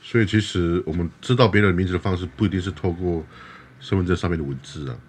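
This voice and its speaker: A man's voice: sits low, fast talker. A middle-aged man co-hosting a podcast as a professor, chatting casually and animatedly. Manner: animated, breaks into laughter and mock voices. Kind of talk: casual chat.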